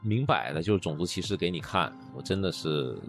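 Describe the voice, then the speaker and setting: A man in his late twenties co-hosting a casual podcast, telling stories in a chatty way that gets animated and then trails off softly. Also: low-pitched, fairly quick, soft background music. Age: late 20s. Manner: storytelling, animated when recounting, trails off softly. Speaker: podcast co-host. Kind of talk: casual chat.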